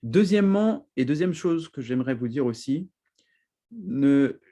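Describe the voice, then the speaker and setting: Husky man teaching with animated emphasis. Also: medium pitch, measured pace. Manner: animated, laughs often, repeats "d'accord?" to check in. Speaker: preacher. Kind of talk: teaching sermon.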